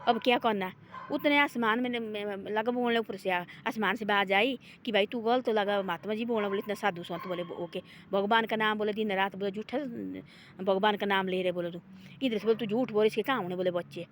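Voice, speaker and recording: A woman's voice: medium pitch, brisk, a little hiss or hum. A woman telling a moral folk tale in a rambling, folksy way, restarting often and repeating her tags meaning "he said". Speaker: storyteller. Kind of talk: oral moral storytelling.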